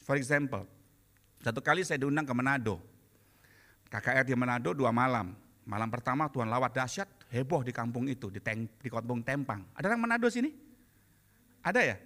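A male pastor preaching a sermon, lively and joking, mixing in English phrases. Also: mid-range voice, a little fast, long pauses, in a large hall. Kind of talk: sermon with comic stories.

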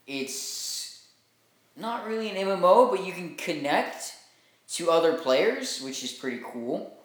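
An enthusiastic young man chatting about games on a podcast, rambling and laughing as he goes. His voice sits a touch high. The room around him rings with strong echo. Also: sing-song, a little slow. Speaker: podcast co-host. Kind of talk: casual gaming podcast chat. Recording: very echoey room.

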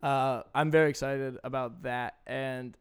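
A man's voice: medium pitch, steady tone, clear, resonant tone. A man co-hosting a casual podcast chat, joking around and laughing easily. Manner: joking, quick to laugh, reads aloud in mock formality. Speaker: podcast co-host.

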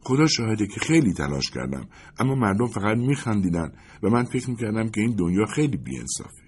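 A man's voice: lowish voice, sing-song, husky, voice pushed up. A man voicing a chatty, curious young woman in a storybook reading, earnest and prodding. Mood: reflective. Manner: earnest and prodding, softening to a whisper when sneaking.

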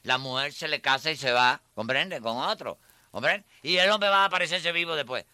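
A man's voice: fairly high pitch, normal speed, bright, forceful tone, dry recording, clean studio sound. An actor playing a cheeky, wisecracking everyman who rambles and keeps calling people "chico" in a radio comedy. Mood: rambling.

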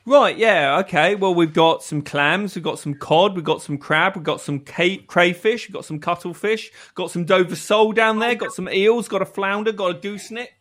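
A man's voice: high voice, very animated, measured pace, a bit bright, full character voice. A man doing a jovial rambling fishmonger. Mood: hawking. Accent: put-on British. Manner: jovial, rambling salesman patter. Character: chatty male fishmonger hawking wares at a fair. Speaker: improv performer. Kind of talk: improvised comedy scene.

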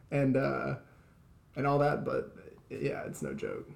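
A man's voice: mid-range voice, very animated, slow, vocal fry, echoey room. A man co-hosting a podcast in casual chat, rambling with many restarts and fillers. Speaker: podcast co-host.

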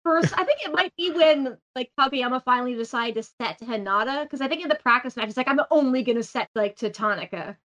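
A woman with a high, bright voice talks on a podcast, gushing with excitement and peppering every sentence with "like". She sounds swept up in what she is describing. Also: fast, few pauses. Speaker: podcast host. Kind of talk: casual podcast chat.

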